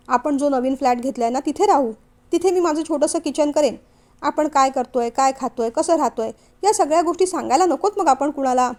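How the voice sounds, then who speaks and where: An outspoken young bride-to-be, frank and uneasy, from an audio novel, read out by a woman. her voice sits high and light. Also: darkish tone, lightly acted. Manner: worried, frank.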